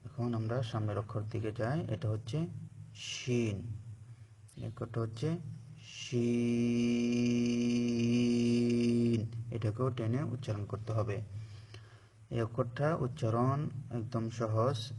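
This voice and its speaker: A man's voice: mid-range voice, a little slow, pauses often, a little mellow, husky. A man teaching Arabic letter pronunciation for Quran reading, patiently drawing out each letter as a model for learners to repeat. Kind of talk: slow recorded lesson on letter pronunciation.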